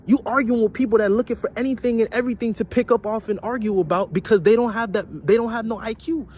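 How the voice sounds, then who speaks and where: A man's voice: sits high, mellow, slight background noise. A young man giving a blunt, profane motivational rant to his viewers, repeating his points and preaching about intelligence and life lessons. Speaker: vlogger.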